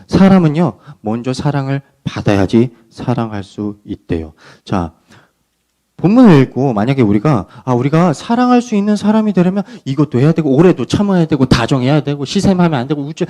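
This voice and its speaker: A man's voice: on the high side, fairly quick. A man preaching a youth sermon in a church, asking his teenage listeners questions and calling them friends. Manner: lively, questioning, addresses kids as friends. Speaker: youth pastor. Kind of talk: sermon to middle schoolers. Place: church sanctuary.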